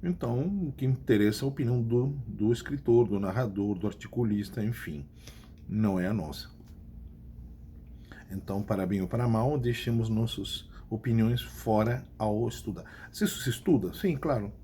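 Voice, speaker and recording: A man's voice: lowish voice, moderate pace, warm tone, a little hiss or hum. Brazilian man teaching a lesson. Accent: Brazilian Portuguese. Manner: repeats key points, asks checking questions. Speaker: Spanish teacher. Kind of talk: recorded class lesson.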